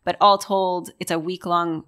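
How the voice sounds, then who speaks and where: A woman's voice: fairly low pitch, fairly even intonation, unhurried, fairly bright tone, clear, resonant tone. A woman co-hosting a casual podcast chat, upbeat and saying "like" a lot. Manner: upbeat, frequent "like". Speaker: podcast co-host.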